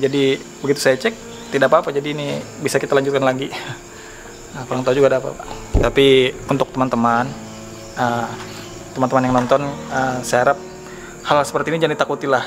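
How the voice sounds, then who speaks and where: A man's voice: medium pitch, fairly bright tone, poor audio. A man hosting a casual night exploration vlog, speaking hesitantly as he searches for words. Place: school building at night. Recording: clear night insect noise behind.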